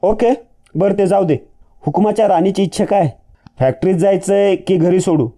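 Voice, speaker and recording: A man's voice: high-pitched, normal speed, warm tone, pitched above the performer's own voice, close to an everyday voice. A man voicing a caring young man who talks earnestly and insistently. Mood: reassuring.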